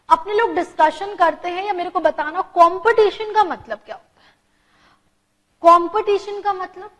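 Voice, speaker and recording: Woman teacher, very high voice, lecture style, reverberant hall. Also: fairly bright tone. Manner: mixes Hindi and English, rhetorical questions to students.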